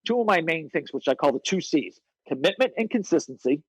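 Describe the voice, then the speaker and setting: A man who works as a fitness coach, telling stories as a podcast guest in a blunt, profane, animated way. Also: a little high, brisk, breathy edge, dry recording, low-quality recording. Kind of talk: casual interview storytelling.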